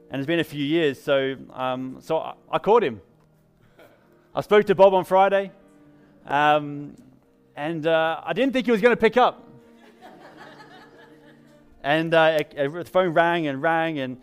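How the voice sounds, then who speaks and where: A man's voice: a little high, unhurried, pauses often, clean tone, soft background music. A man with an English accent preaching a sermon in a church, telling stories in an upbeat, conversational way. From England. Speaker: pastor. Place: church service.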